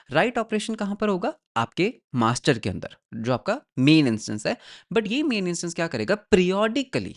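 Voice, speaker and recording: A man teaching a tech tutorial in a mix of Hindi and English, often checking in with "right?" and repeating phrases as he points through a diagram. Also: on the high side. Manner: explains in Hindi mixed with English terms, checks in with "right?" and "ठीक है?". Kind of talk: screen-recorded tech tutorial.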